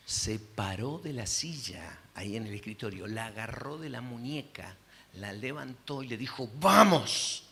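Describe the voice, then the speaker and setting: A man's voice: on the low side, expressive, normal speed, a bit bright, a little hiss or hum. A male pastor with an Argentine accent preaching a sermon, telling a story dramatically and acting out the voices. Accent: Argentine Spanish.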